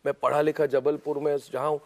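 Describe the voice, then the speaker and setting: A man's voice: fairly high pitch, level tone, brisk. A man from Assam interviewing a guest, asking thoughtful, probing questions and switching into English phrases. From Assam, India. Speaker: interviewer, host. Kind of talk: conversational interview.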